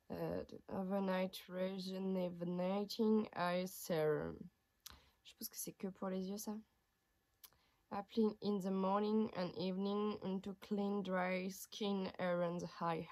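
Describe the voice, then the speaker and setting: Talking to her phone camera at night in her bedroom, this young beauty vlogger walks through her skincare routine in a chatty, candid, self-deprecating way, now and then dropping to a whisper. Her voice is medium in pitch with a darkish tone, and the phone is handheld rather than on a tripod.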